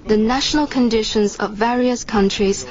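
A woman speaking as a live interpreter, translating a formal speech in measured phrases. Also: a little high, darkish tone, lo-fi sound.

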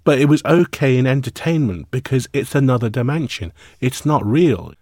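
A man's voice: medium pitch, moderate pace, dry recording, studio quality. A man in his fifties, a musician guest in an interview, talking reflectively and at length with fillers. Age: 50s. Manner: reflective, animated, rambling with fillers. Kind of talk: interview conversation.

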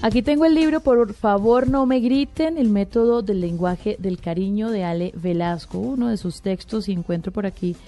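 A woman's voice: medium pitch, moderate pace, few pauses, dark tone, soft background music. A woman hosting a talk show, asking her guest questions in a conversational way. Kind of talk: interviewing a guest.

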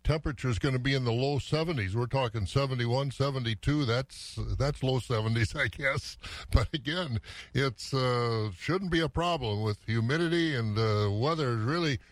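A man's voice: mid-range voice, moderate pace, no room sound. Folksy American man chatting on morning radio. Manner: folksy, rambling, musing aloud. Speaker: morning farm radio host. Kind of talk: casual radio chat and weather report. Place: dry radio studio.

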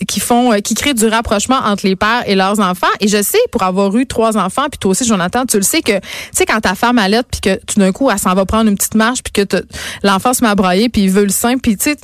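A middle-aged woman with a Québécois French accent, co-hosting a casual podcast chat in an animated, opinionated way, laughing often. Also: medium pitch, no echo.

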